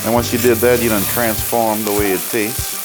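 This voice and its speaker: A man's voice: on the low side, flat delivery, moderate pace, over music, rough recording. A man with a Cajun accent hosting a casual cooking demonstration as the chef, talking in a folksy, colloquial way. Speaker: cooking show host and chef.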